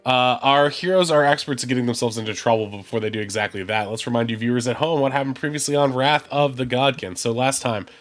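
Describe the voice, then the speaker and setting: A game master hosting a tabletop game stream chats loosely before opening the session, congested from the flu and using lots of fillers. His medium-pitched voice moves fast with hardly any pauses, as he mixes casual stream talk with a game intro.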